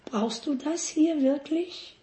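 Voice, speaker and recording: Gentle, kind Jesus in a storybook, a woman reading him, high soft voice, slow, echoey hall. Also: background noise. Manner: kind, softly asking.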